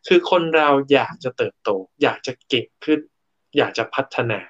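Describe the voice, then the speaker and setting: A man's voice: mid-range voice, expressive, normal speed, a bit bright, muffled recording. A man giving a casual talk about workplace motivation. He explains step by step, tells stories from his own work life, and often restarts his words. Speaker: co-host and speaker.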